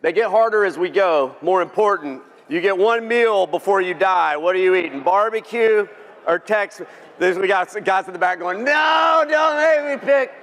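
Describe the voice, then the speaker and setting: A man with a Texan drawl delivers a lighthearted keynote, cracking jokes and polling the crowd. His voice sits a little high for a man. The sound rings with the long reverb of a large banquet hall. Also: moderate pace. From Texas. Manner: folksy, joking, engages the audience. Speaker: keynote speaker. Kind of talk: humorous keynote speech.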